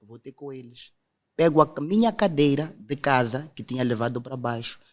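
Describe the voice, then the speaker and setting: A man's voice: medium pitch, normal speed. Young guy w/ telling his faith story, earnest, quotes people word for word. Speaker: guest telling his testimony. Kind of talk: emotional testimony in conversation.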